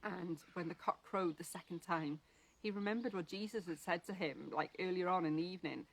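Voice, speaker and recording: A woman's voice: on the low side, a little fast, creaky. A woman leading a church Bible reading, talking in a chatty, informal way with lots of ums and restarts. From Wales. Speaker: church leader reading scripture. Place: church live stream.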